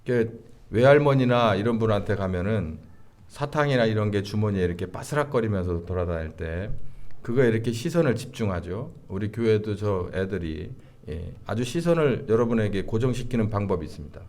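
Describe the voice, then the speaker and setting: Lower-voiced male pastor preaching slowly. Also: lively intonation, darkish tone. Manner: slow deliberate preaching with frequent fillers. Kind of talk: sermon.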